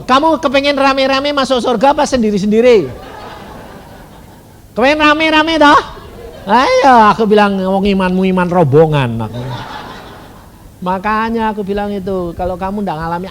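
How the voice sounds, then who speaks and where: A man preaching a sermon as an evangelist, telling a story in folksy colloquial speech and acting out the dialogue in sudden high voices. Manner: colloquial Javanese-flavored Indonesian, folksy. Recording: faint rumbling noise, old sermon tape.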